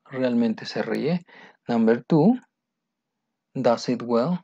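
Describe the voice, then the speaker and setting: A man teaching English as he goes over exercise answers, patient and repeating each one. His voice is dark and mellow, and he talks slowly. The recording is dry and a little muffled. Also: mid-range voice, expressive, husky, no room sound. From Mexico. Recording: dry, dull lo-fi sound.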